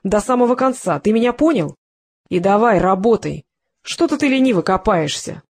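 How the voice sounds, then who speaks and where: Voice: mid-range voice, lively intonation, normal speed. An audiobook reader voicing a menacing man who taunts his captive, in a sneering, mocking manner. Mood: taunting.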